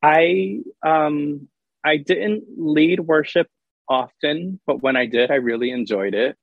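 A man's voice: a little high, slow pace, creaky, phone-quality sound. A young man, a singer-songwriter, answering interview questions in an earnest, open way, with many ums.

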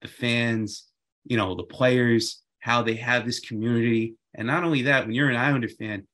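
A man's voice: medium pitch, fairly even intonation, moderate pace, fairly bright tone. A man chatting casually and enthusiastically, often repeating phrases for emphasis. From Queens, New York. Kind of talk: casual chat.

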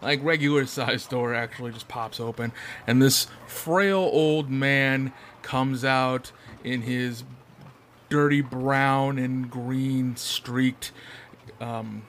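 A man's voice: medium pitch, fairly even intonation, slow, a bit bright, slight background noise. A man narrating a tabletop fantasy game as game master in a casual, improvised way.

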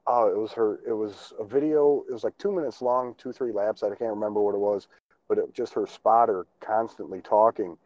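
A man's voice: fairly low pitch, brisk, a little mellow, no echo, dull audio. A man from Chicago co-hosting a podcast, chatting bluntly and jokingly with casual swearing. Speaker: podcast co-host. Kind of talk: casual chat.

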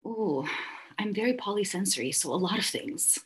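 A perfumer in her thirties who grew up in Dubai speaks as a guest in a casual interview, her medium-pitched, husky voice expressive and moderately paced. She's reflective and effusive, often searching for words and using many fillers.

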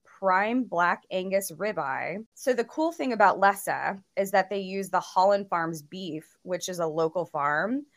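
A woman's voice: lowish voice, animated, a little slow, few pauses. A woman co-hosting a casual food podcast, upbeat and chatty with lots of "like" fillers. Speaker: podcast co-host.

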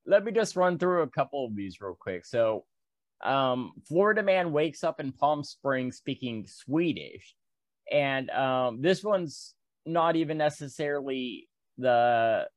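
A man's voice: medium pitch, dry recording. Casual guy running through odd news. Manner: rambling, filler-heavy news rundown. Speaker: podcast co-host. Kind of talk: casual chat.

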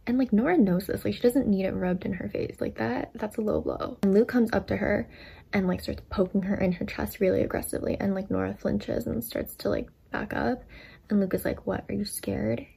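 Speaking fairly quickly, this young woman in her twenties recounts a book's story for her storytime vlog through a desk mic, loaded with fillers and casual chatter. She has a warm, mid-range voice with vocal fry and a breathy edge.

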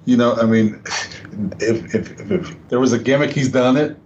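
A man's voice: mid-range voice, moderate pace, a little mellow. A man as a podcast guest, telling stories in a casual, rambling way with many fillers and restarts. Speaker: guest wrestler. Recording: slightly dull lo-fi audio with faint noise.

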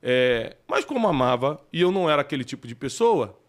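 A man's voice: medium pitch, big pitch swings, a little fast. A man, a podcast host candidly telling personal stories in casual conversation and laughing at himself.

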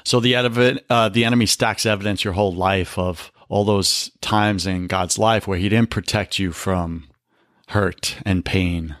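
A man's voice: deep voice, steady tone, measured pace, a bit bright, dry recording, clean studio sound. A man talking on a faith podcast, preaching with emphasis and often calling the listener brother. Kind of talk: faith-based podcast talk.

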